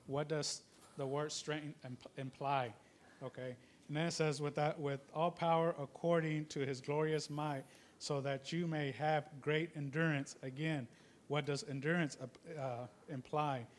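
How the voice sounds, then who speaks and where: Slow, flat-voiced man sharing a thought. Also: on the high side, a little hiss or hum. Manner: slow and hesitant, with many "uh"s. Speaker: church member sharing a reflection. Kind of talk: informal comment during a sermon.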